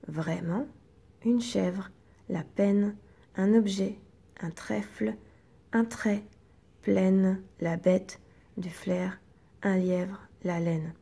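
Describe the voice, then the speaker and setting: A woman teacher, slowly and patiently guiding young children through reading exercises and sounding out each syllable. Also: mid-range voice, fairly even intonation, gravelly, mellow, husky.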